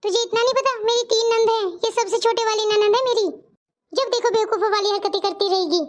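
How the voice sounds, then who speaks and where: A woman voicing a polite, dutiful young married daughter-in-law in a cartoon story, with a high, squeaky voice. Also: fairly even intonation, brisk. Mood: scolding. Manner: polite, pleading.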